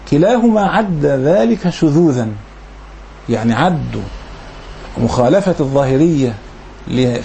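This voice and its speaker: A man with an Egyptian accent gives a religious lesson in a somewhat high but mellow voice. He reads formal text, then breaks into colloquial explanation and repeats key phrases for emphasis. A faint hiss runs under the recording. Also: creaky. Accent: Egyptian Arabic. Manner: explains in colloquial asides after reading formal passages. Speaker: Islamic lecturer.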